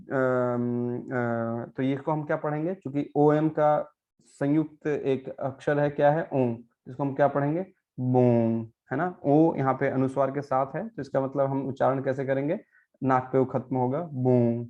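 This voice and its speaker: A male teacher walks his class through pronunciation, repeating each example word slowly and checking that they follow. His voice sits at an ordinary middle pitch. The recording sounds a little dull and lo-fi. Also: steady tone. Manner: patient, repeats words slowly and adds frequent "है ना" checks. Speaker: Portuguese language teacher.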